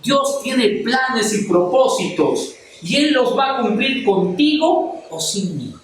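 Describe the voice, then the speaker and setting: A man's voice: very high voice, animated, takes it slowly, slight background noise. A man preaching a passionate sermon to a congregation, firing rhetorical questions at them as he speaks. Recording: very echoey church hall, mic at a distance.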